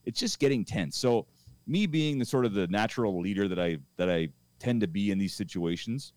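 A man's voice: fairly low pitch, expressive, fairly quick, a little mellow, no room sound. A middle-aged man hosting a podcast, telling a rambling anecdote in a casual way with many restarts. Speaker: podcast host.

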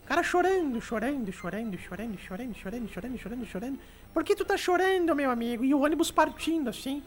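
A woman's voice: high-pitched, animated, quick pace. A woman doing a bossy, teasing old lady. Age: older. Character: sharp-tongued old lady, bossy joker. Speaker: comic radio show regular.

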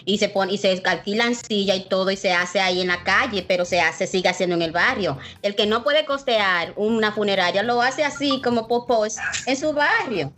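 A woman co-hosting a casual chat, emphatic and quick to make her point. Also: mid-range voice, a bit bright, faint music behind. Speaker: co-host.

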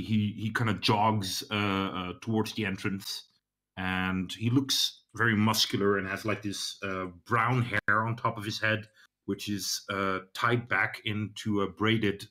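A man running a tabletop game, narrating the scene in a fairly low voice. He talks in a halting way, pausing and restarting his sentences as he goes. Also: pushed and bright. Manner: halting, many fillers and restarts. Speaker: game master.

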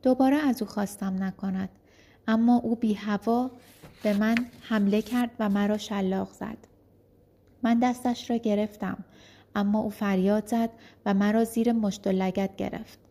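A woman's voice: medium pitch, steady tone, warm tone, natural voice. A woman voicing a bitter, defiant young enslaved man who protests angrily.

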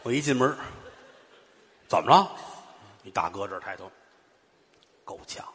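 A man with a Beijing accent performing crosstalk comedy on a stage, spinning a deadpan story and drawling out his punchlines. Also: on the low side, moderate pace, slight background noise. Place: theater stage. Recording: stage performance in a reverberant hall.

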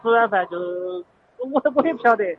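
A man's voice: very high voice, animated, brisk, no room sound. A man with a Sichuan accent on a phone line, giving hesitant, terse answers. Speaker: prank-call target. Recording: thin, dry phone line.

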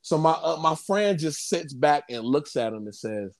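A man, chatting casually and halting often with fillers like "you know what I'm saying.". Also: fairly high pitch, expressive. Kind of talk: casual conversation.

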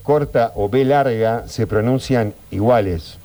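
A man's voice: medium pitch, a little slow, a crowd in the background. An Argentine man on a radio panel, arguing his point insistently in casual banter. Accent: Argentine Spanish. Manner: insistent, argumentative.

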